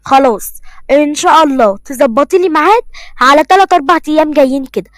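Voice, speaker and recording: A defiant young Egyptian village woman in a cartoon story, as a woman puts her on. She talks fast and high, mocking and stubborn. The recording is dry. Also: expressive, fairly bright tone, no echo. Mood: eager.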